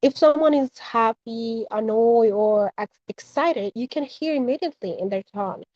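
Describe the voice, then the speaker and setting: A woman's voice: on the high side, normal speed, darkish tone, dry recording, highs cut off. A young Haitian woman, raised in the Dominican Republic, earnestly giving her answer in a live debate over a video call. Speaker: student participant.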